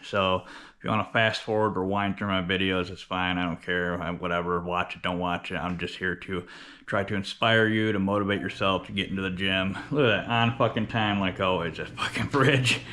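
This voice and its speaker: A man's voice: deep voice, fairly even intonation, a little fast, pushed and bright. A man with a lisp and whistling s from missing top teeth, talking bluntly and profanely in a casual, rambling unedited vlog. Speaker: workout vlogger. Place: indoor home workout space with running fridge.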